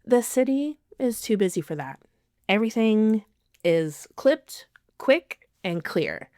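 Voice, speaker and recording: A woman hosts a podcast in a slow, unhurried scripted monologue, her voice lowish and smooth. She is giggly and self-deprecating, laughing at her own slips and apologizing for them. The sound is close and dry. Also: very animated, a little mellow, no echo. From not from the city she lives in now. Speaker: podcast host.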